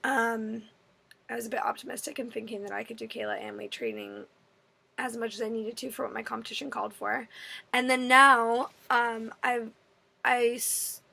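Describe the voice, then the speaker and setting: Hoarse young woman vlogging, creaky and bright. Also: on the high side, no room sound. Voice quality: hoarse, worn voice. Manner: apologetic, rambling, self-deprecating. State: voice strained and partly gone. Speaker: fitness vlogger. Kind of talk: casual Q&A vlog chat. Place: indoors in an apartment.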